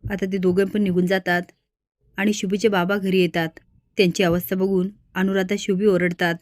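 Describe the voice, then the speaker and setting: A woman narrating a drama recap in an even, steady retelling. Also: medium pitch, normal speed, no room sound, clean studio sound. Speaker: storyteller recapping a serial. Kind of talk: scripted story narration.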